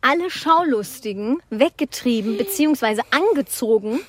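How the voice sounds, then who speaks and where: Podcast lady rambling and cracking jokes outside, bit high voice. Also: animated, normal speed. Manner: chatty, rambling, joking. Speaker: podcast co-host. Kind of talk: casual chat. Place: outdoors.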